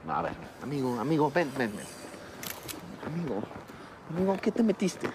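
A man's voice: on the high side, wildly swooping pitch, moderate pace. An actor playing a stressed film director who scolds his actor on set. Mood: exasperated. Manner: exasperated, bossy. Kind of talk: film drama acting. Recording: noisy outdoor set sound.

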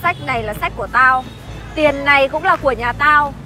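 A woman's voice: sits high, fairly quick, bright, forceful tone. An actress playing a harsh young mother who berates an orphan boy, scolding sharply in a scripted web sitcom. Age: young adult. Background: background music.

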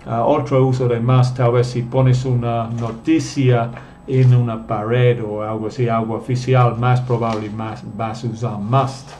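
A man's voice: medium pitch, level tone, unhurried, warm tone, a little hiss or hum. A man teaching a live online class, patiently explaining step by step and reading out viewer comments. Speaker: English teacher.

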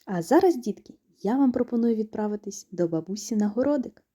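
A woman with a Ukrainian accent teaching young children a speech lesson, speaking in a slow, clearly enunciated sing-song with questions and answers. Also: on the high side, animated, mellow. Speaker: preschool teacher.

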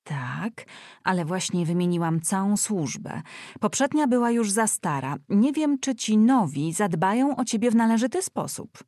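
A woman reading an audiobook voices a fussy, grumbling widowed aunt who exclaims and scolds loudly. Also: medium pitch, lively intonation, normal speed, no echo, studio quality, voice pushed up, natural voice.

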